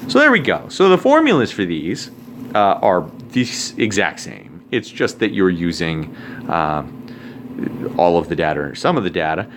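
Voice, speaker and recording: A male math teacher talks through a recorded lesson in a low, fairly bright voice that rises and falls in a sing-song way at a moderate pace. He stays casual, tossing in joking asides as he writes, with a faint room hum in the background.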